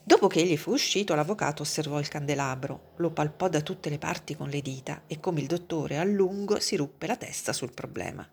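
Low, gravelly woman reading a story. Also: brisk, few pauses, a little mellow, slight background noise. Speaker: narrator.

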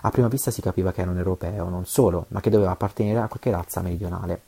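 A man's voice: low-pitched, steady tone, very fast, creaky, mellow, breathy edge. A man reading an adventure novel aloud, with occasional stumbles and self-corrections. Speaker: audiobook reader.

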